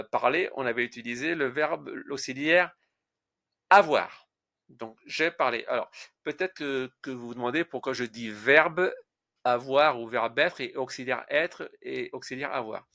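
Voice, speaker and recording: A man teaching a French conjugation lesson, slowly reciting verb forms and spelling out their endings letter by letter. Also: mid-range voice, gravelly, fairly bright tone. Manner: slow, deliberate, spells out word endings letter by letter.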